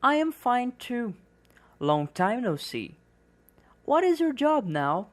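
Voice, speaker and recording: A woman reading the part of a man greeting an old friend, in slow, carefully pronounced English. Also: fairly high pitch, sing-song. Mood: friendly.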